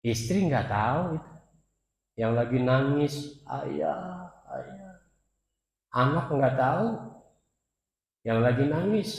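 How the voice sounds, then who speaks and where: Man, sermon preacher, emotive, loud to hushed swings, chants verses, slow, roomy echo. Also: medium pitch. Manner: emotive, swings between loud calls and soft near-whispers; addresses the congregation directly as "Pak". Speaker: preacher at a dawn mosque study. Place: mosque. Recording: echoey mosque hall with long reverb.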